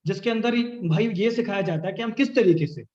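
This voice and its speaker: A man's voice: sits high, brisk, darkish tone, echoey room, muffled recording. A young man leading a live online sales training, talking with energy and coaching his listeners by acting out sample chats.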